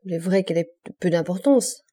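An imperious old king barks orders, indignant and commanding, his voice low and husky, as a woman reads him in an audiobook. The tone stays mellow and dark beneath his anger. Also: brisk.

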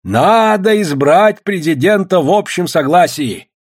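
An earnest elderly man at a gold camp, talking slowly and persuasively to a crowd, as a man acts him out in a storybook. His voice sits higher than usual and sounds somewhat husky. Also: lively intonation. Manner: persuasive, speechmaking. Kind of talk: audiobook character voice.

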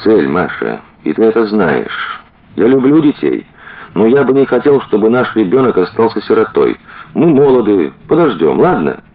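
A man's voice: on the low side, big pitch swings, moderate pace, narrow, tinny audio, voice pushed up. A man reading the lines of a blunt young detective, tired and earnest, for an audiobook.

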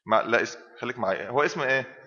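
Egyptian sheikh quizzing his class quickly. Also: medium pitch, sharp tone. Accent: Egyptian Arabic. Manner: prompts students with questions and fills in answers. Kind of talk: classroom lesson quizzing students. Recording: reverberant hall, dull lo-fi sound.

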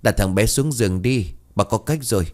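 A man's voice: fairly low pitch, normal speed, close to an everyday voice. A man voicing a stern, blunt old village man in a ghost story.

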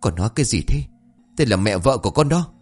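A man's voice: lowish voice, sing-song, fast talker, husky, faint music behind. Trembling older mother scolding her son, put on by a male narrator. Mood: shaken. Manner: shaken, scolding.

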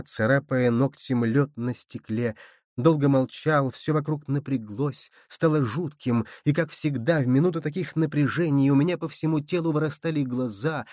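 A man narrating a literary story in a steady, measured reading voice. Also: mid-range voice, no echo, clean studio sound.

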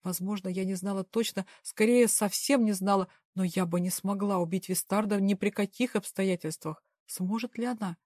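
A woman's voice: mid-range voice, normal speed, hardly any pauses, darkish tone, no echo. Woman narrating a tense audiobook, dry. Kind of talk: first-person audiobook narration.

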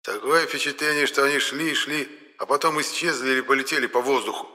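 A man's voice: medium pitch, fairly quick, bright, forceful tone, long reverb tail, voice pushed up. A man voicing a grumpy, fussing male ghost in an audiobook, grumbling and scolding.

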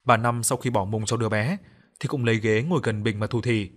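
A man reading a ghost story aloud in steady, measured scripted narration. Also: lowish voice.

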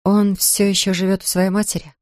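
A woman's voice: mid-range voice, flat delivery, fairly quick, darkish tone, dry recording, clean studio sound, natural voice. Woman doing a heartsore, subdued young woman. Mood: hurt, wistful. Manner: subdued, wistful.

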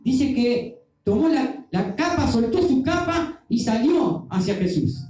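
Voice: high-pitched, sing-song, takes it slowly, dark tone. A preacher, telling a Bible story in a sermon and acting out the voices of its people. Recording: very echoey room with music behind.

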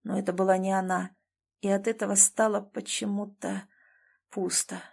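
A woman narrating a novel in a measured, expressive audiobook reading. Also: medium pitch, vocal fry, breathy edge.

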